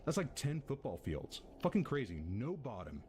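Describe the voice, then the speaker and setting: A man's voice: mid-range voice, very animated, moderate pace, a little mellow, a little hiss or hum, natural voice. A man with an American accent playing a laid-back, foul-mouthed tenant who rambles through an eerie story in casual audio-drama style. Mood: intrigued.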